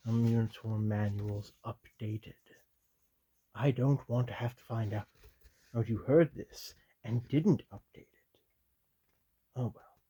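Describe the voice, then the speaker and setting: A stern, loyal commissar, as a man puts him on, reads an army handbook in whispered role-play. His low, mellow voice is soft and breathy, measured and officious, with dry little asides between the passages. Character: stern loyal male commissar reading aloud.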